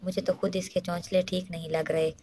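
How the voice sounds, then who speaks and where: A woman's voice: on the low side, little pitch movement, fairly quick, warm tone, slight background noise, lightly acted. A woman voicing a harsh, dismissive middle-aged woman who talks sharply. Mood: scornful.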